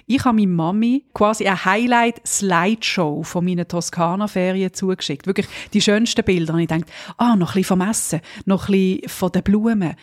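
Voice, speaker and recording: A woman with a Swiss German accent co-hosts a podcast in casual conversation. She tells her stories in a lively way, with a gently ironic tone. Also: mid-range voice, a little fast, no echo, studio quality. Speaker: podcast co-host.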